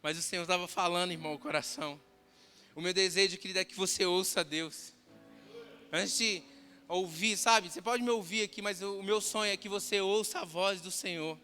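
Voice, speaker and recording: A man's voice: high-pitched, steady tone, moderate pace, pushed and bright, smooth. A Brazilian man with a Brazilian Portuguese accent, a pastor preaching a fervent storytelling sermon to a congregation, often calling his listeners brother and dear. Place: church hall with a congregation. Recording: reverberant church hall, music behind.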